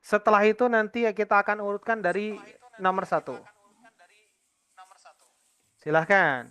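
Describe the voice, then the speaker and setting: A man teaching an Arabic lesson to adult students, patiently explaining and slowly repeating each word for the class. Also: sits high, pushed and bright, smooth.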